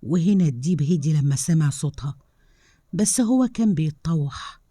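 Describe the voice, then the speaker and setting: A woman with an Egyptian accent narrating a story in a calm, measured way. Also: sits low, no room sound, clean studio sound. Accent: Egyptian Arabic.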